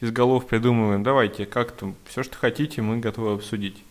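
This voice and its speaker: A man in his thirties co-hosting a casual podcast, self-mocking and jokey, often trailing off quietly. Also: medium pitch, fairly even intonation, quick pace. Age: 30s. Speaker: podcast co-host.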